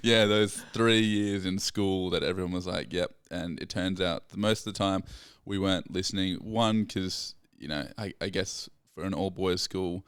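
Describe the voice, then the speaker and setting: A man's voice: sits low, normal speed, hardly any pauses, smooth, no room sound, studio quality. A young man hosting a podcast, talking in a rambling, chatty way and laughing along with his guest. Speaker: podcast host. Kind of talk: casual podcast chat.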